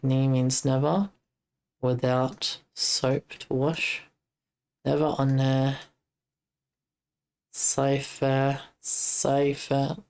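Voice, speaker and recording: An Australian woman on a livestream, with an extremely low voice full of gravelly fry. She talks slowly and flatly, rambling, reading chat messages aloud and answering them. She sounds like casual streamer chatter.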